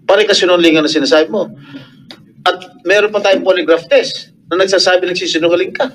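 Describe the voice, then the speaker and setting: A man's voice: high voice, fairly even intonation, fast talker, slight background noise, low-quality recording. A man questioning a witness angrily at a public hearing, repeating his questions and accusations. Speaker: senator at a hearing.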